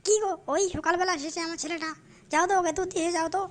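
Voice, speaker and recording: A woman voicing a soft-hearted mother in a comic cartoon, coaxing and pleading with her family. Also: extremely high pitch, fairly even intonation, very fast. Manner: coaxing, repeating pleas.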